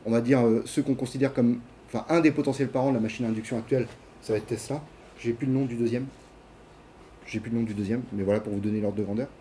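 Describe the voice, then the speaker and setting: A man's voice: medium pitch, fairly even intonation, quick pace, dark tone, a little hiss or hum. A man giving a casual classroom lecture, with many fillers, restarts and questions to his students. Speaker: university lecturer. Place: lecture hall.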